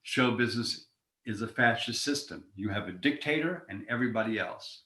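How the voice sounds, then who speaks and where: Halting male actor guest in a roomy space. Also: lowish voice, animated, sharp tone. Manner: halting, repeats words while recalling stories. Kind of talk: casual interview chat. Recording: roomy echo.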